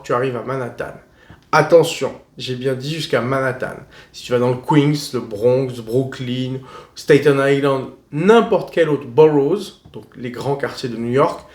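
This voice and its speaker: Slangy French-speaking man, roomy echo. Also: mid-range voice. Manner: slangy, blunt and joking. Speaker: travel vlogger. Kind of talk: casual advice vlog.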